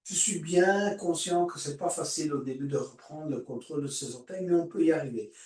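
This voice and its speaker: A man guiding a yoga class, giving calm, drawn-out cues for breathing and movement. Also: a little high. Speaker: yoga teacher. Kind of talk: guided yoga class instruction. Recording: echoey room, voice far from mic.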